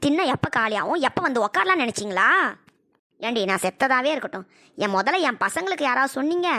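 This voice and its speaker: A woman voicing a sharp-tongued, shrewd old mother-in-law in a cartoon comedy, scolding her daughters-in-law. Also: high-pitched, sing-song, fast talker, no room sound, clean studio sound, full character voice. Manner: scolding, indignant. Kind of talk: cartoon voice acting.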